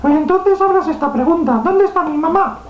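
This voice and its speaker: A woman's voice: extremely high pitch, brisk, music in the background. A woman playing a worried, inquisitive little girl in a children's story, with childlike simple speech. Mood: curious. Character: worried little girl searching for her missing mother. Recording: dull, echoey home room recording.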